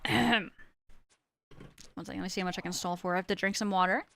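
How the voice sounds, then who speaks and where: A woman's voice: mid-range voice, steady tone, quick pace, creaky, bright, forceful tone, slight background noise. A woman streamer in her thirties chatting casually on a livestream, hamming up a playful valley girl manner with mock slang and self-mocking jokes. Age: 30s.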